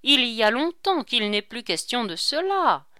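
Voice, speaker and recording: A frightened, superstitious king whose words come out hushed and trembling, as a woman narrator voices him. The voice is smooth and slow, recorded dry and close. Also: fairly high pitch, big pitch swings, no echo, pitched above the performer's own voice, full character voice.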